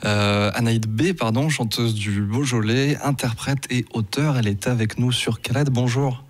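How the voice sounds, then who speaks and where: A man hosting a radio interview, asking questions in a halting way with many fillers. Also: medium pitch. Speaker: radio host.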